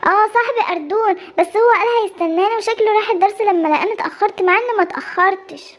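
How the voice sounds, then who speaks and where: A woman voicing a timid young cub boy in an Egyptian Arabic cartoon, with a squeaky, rushed voice. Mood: worried. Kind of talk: cartoon voice acting.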